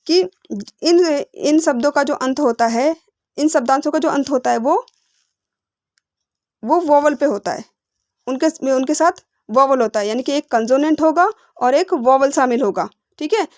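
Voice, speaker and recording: A woman teaching English phonics, explaining patiently, repeating words slowly and asking rhetorical questions. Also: high-pitched, no room sound, clean studio sound. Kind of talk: explanatory lesson.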